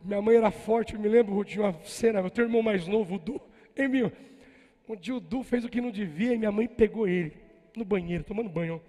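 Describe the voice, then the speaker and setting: A man preaching a sermon in a church, a pastor with a Brazilian Portuguese accent who moves from soft, folksy storytelling to shouted exhortation. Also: sits high, fast, big-room sound, soft background music. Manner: animated preaching that swings from soft asides to shouting.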